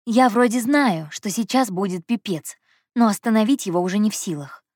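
A young woman narrating an audiobook in the first person, telling the story in a lively, expressive way. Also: medium pitch, moderate pace, no echo, clean studio sound.

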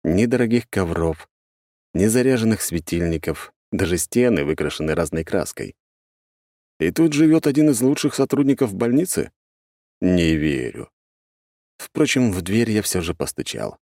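A man narrating an audiobook in the first person, measured and even. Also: deep voice, no echo, clean studio sound.

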